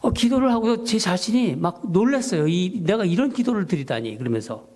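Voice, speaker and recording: A man's voice: high-pitched, brisk. A man who is a pastor, preaching a sermon and telling a story from his church life in a storytelling manner. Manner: storytelling, animated, rising when quoting his own prayers. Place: church sanctuary.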